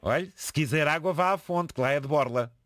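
A man's voice: a little high, brisk, a bit bright, dry recording. A Portuguese man hosting an early-morning call-in radio show, chatting casually and addressing the caller as a friend. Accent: European Portuguese. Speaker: radio host. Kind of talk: casual phone-in chat.

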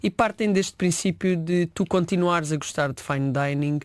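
A man's voice: fairly high pitch, moderate pace, dry recording. Man, interviewer, winding questions, dry sound. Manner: long winding questions with fillers.

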